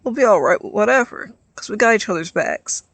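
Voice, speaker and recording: A man voicing a cheerful, caring teenage boy who talks eagerly and warmly in a storybook reading. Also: lively intonation, fairly quick, creaky, dry recording, exaggerated voice. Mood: upbeat. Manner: eager and warm, pitched up and louder. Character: cheerful caring teen boy, the best friend.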